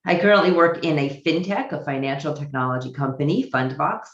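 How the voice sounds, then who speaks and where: Speaking at a virtual conference from a home office in Israel, an American woman sounds muffled and slightly roomy, as though on a video call. Her low-pitched voice moves at a thoughtful, hesitant pace, with many ums and restarted sentences as she works out her ideas.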